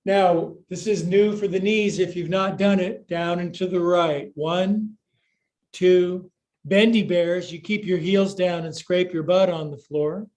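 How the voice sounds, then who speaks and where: Slow, playful man leading yoga. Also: high voice, steady tone, a little mellow. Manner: playful, jokey cueing with counting. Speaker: yoga teacher. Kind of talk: live-streamed yoga class instruction. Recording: echoey room.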